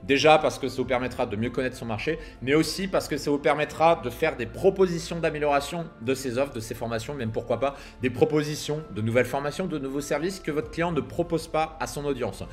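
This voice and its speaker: A man's voice: on the high side, a little fast, few pauses, faint music behind. Punchy man giving slangy business advice. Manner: punchy and emphatic, slangy with occasional swearing. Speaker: business coach for copywriters. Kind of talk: casual advice monologue to camera. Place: outdoors at sunset. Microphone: camera filming himself.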